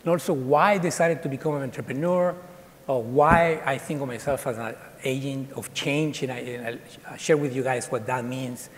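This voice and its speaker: A man in his forties from Colombia, raised in Ecuador, giving a lively, chatty talk to students, with many fillers and restarts. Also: mid-range voice, normal speed. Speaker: guest speaker. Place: large dark auditorium. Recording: long hall reverb.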